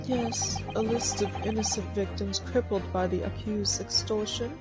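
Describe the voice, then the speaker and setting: A woman's voice: medium pitch, steady tone, normal speed. A woman game streamer in a casual let's play, reading formal game dialogue aloud in a playful mock-formal way with slangy asides. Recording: loud game music behind voice. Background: game music.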